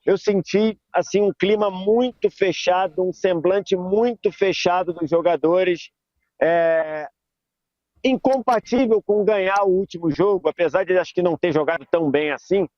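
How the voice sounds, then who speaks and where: A high-voiced man speaks to a sports panel as a reporter back from the stadium. He tells what he saw slowly and thoughtfully. The sound is dull and close, with no room echo. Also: a little mellow. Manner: slow, reflective storytelling. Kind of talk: debate panel commentary.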